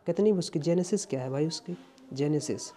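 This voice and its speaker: A man's voice: fairly high pitch, a little fast, dark tone, a little hiss or hum. A man teaching vocabulary, explaining patiently and repeating each word to drill its pronunciation.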